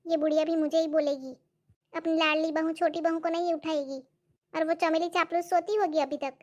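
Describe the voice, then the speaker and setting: A woman performing a comic skit, grumbling to herself in sharp asides. Her voice sits very high. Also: flat delivery, a little fast. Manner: grumbling and exasperated.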